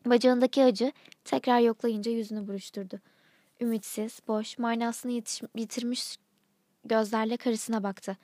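A woman reading a literary short story aloud in calm, measured narration. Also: fairly high pitch, no echo.

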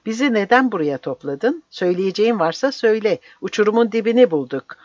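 A narrator voicing a weeping, bitter old man who shouts in anguish. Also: medium pitch, very animated, fast, dry recording, highs cut off.

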